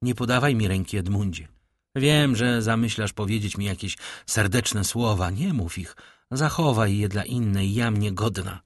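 A man's voice: lowish voice, normal speed, no room sound, clean studio sound, natural voice. A man reading the lines of a grieving, self-reproaching woman of about forty in an audiobook. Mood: remorseful.

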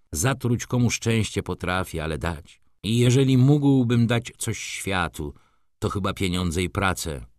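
A weary, bitter merchant, read by a man, speaking low and slow in a resigned, brooding tone. The voice is close and dry, with no room around it. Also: dry recording.

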